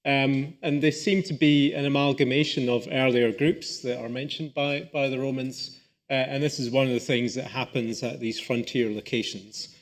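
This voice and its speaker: A Scottish man, a professor of archaeology, giving a relaxed public lecture with lots of "uh" and "um" and restarted phrases. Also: medium pitch, normal speed. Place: lecture hall.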